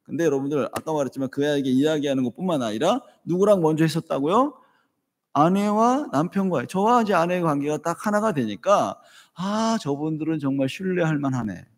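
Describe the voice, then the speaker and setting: Animated male pastor in echoing hall. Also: a little high, fast. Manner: storytelling, animated, acts out dialogue. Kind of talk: sermon. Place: church sanctuary. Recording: reverberant church hall.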